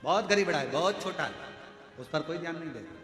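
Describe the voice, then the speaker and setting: A man's voice: fairly high pitch, animated, fast talker. Impassioned man preaching in an echoey hall. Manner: impassioned, swings between loud and hushed, breaks into song. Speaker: spiritual preacher. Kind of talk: devotional discourse. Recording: echoey hall with devotional music.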